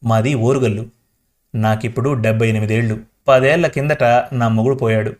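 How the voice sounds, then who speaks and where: A man's voice: mid-range voice, steady tone, fairly quick, darkish tone, close to an everyday voice. Man voicing a tearful old grandmother. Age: older. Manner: tearful pleading, addressing the listener as child. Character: frail beaten 78-year-old grandmother, tearful. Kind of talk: storybook reading.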